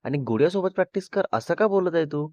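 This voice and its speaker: A gentle, motherly middle-aged mom, as a man reads her. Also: a little high, expressive, quick pace, no room sound, pitched above the performer's own voice, close to an everyday voice. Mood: soothing. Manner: soothing, motherly scolding. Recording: slightly dull lo-fi recording.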